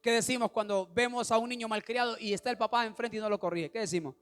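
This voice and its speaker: A male pastor, preaching an animated sermon that rises to shouts and puts questions to the congregation. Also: high voice, fast talker, clean tone, soft background music.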